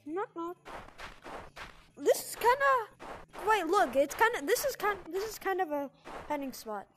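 High-voiced woman rambling through gameplay. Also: measured pace, noisy background. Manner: excitable, rambling, stumbles and repeats words. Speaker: gaming video creator. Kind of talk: casual gameplay commentary.

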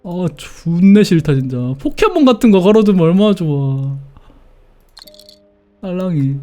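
A man's voice: sits high, sing-song, moderate pace, dark tone, soft background music. A man streaming a horror game with casual commentary, easily scared, grumbling and swearing as he plays.

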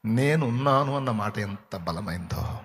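A man's voice: on the low side, lively intonation, a bit bright. A man preaching a sermon with a Telugu accent, emphatic and dramatic, acting out comforting words. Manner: emphatic preaching, acts out comforting parent voices, sings hymn lines slowly. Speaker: pastor. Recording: long hall reverb.

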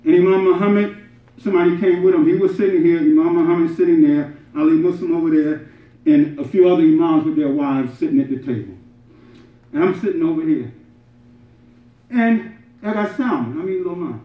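Slightly dull, distant, roomy camera audio captures a middle-aged imam's Friday sermon in a carpeted mosque prayer hall where the congregation sits on the floor. His voice is a little high and a little fast as he moves animatedly between emphatic loud bursts and soft asides, turning to the congregation with rhetorical "right?" questions.

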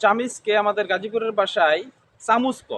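Interviewee, man, gazipur bengali accent, high voice, slow short answers. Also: animated, a bit bright, slight background noise. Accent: Gazipur Bengali dialect. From Gazipur, Bangladesh.

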